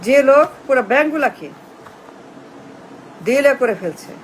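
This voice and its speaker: A woman's voice: sits high, lively intonation, normal speed, slight background noise, rough recording. A woman, giving a political commentary as a rant to camera, firing off repeated rhetorical questions in an accusatory, scornful way. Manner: emphatic, repetitive rhetorical questioning.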